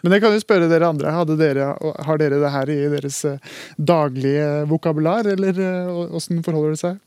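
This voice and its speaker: A man's voice: on the high side, a little mellow, clear, resonant tone, no room sound. A man, a language expert on a radio talk show, explaining carefully and hesitantly with many fillers and restarts. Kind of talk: radio discussion.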